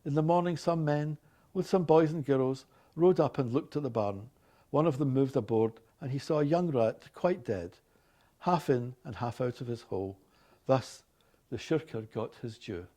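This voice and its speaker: An organist in his late sixties from Glasgow, Scotland, speaks with a Glasgow Scottish accent in a warm, medium-pitched voice at a moderate pace. He reads accent sample passages and word lists aloud and chats casually about his own life.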